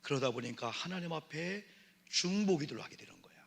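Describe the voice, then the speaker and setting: A man's voice: fairly high pitch, expressive, brisk, vocal fry. A middle-aged man preaching a sermon as pastor, talking in a conversational way, acting out quoted voices and often addressing the congregation. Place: church sanctuary. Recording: long church reverb.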